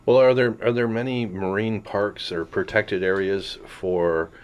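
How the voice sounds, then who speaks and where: A man from Canada co-hosts a casual interview. His voice is very deep, and he talks conversationally. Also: steady tone, a little slow, clean tone. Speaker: co-host.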